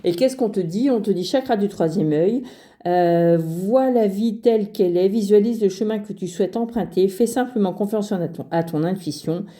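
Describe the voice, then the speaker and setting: A woman giving a casual card reading to her viewers, talking straight to them with many pauses and restarts. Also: mid-range voice, dark tone. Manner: hesitant, many fillers and restarts, addresses viewer directly. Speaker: card reader. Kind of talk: casual spoken tarot reading.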